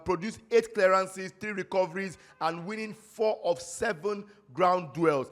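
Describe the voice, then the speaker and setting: A Nigerian man with a high, somewhat bright voice hosts a casual football roundup. He's chatty, occasionally stumbles over foreign names, and slips into pidgin asides.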